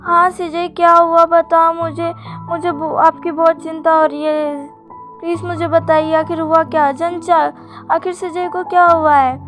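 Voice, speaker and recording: A woman's voice: very high-pitched, fairly even intonation, moderate pace, a bit bright, soft background music, pitched above the performer's own voice. A woman voicing an anxious young man who fires off pleading questions in a raised, fretful voice. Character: frantic young man fearing for his sister.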